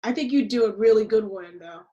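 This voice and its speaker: A woman hosting a podcast, asking playful quick-fire interview questions. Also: medium pitch, warm tone, lo-fi sound. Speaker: podcast host.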